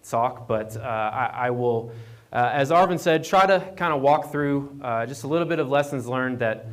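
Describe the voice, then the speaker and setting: Speaking at a moderate pace in a mid-range voice, a man with an Appalachian accent from Virginia, United States, presents informally at a conference. He's a guest speaker and economic development program manager, standing away from the podium, double mic'd, and prone to repeating words and starting over.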